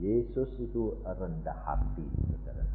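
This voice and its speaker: A man's voice: low voice, lively intonation, measured pace. A man around eighty with a Javanese accent preaching a sermon, teasing his congregation with rhetorical questions. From Central Java, Indonesia. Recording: tinny phone-like sound in an echoey hall.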